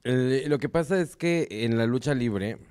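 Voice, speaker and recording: A man's voice: mid-range voice, expressive, moderate pace, a little mellow. A man from Mexico with a Mexican accent, speaking as a wrestler answering interview questions in short segments. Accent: Mexican Spanish.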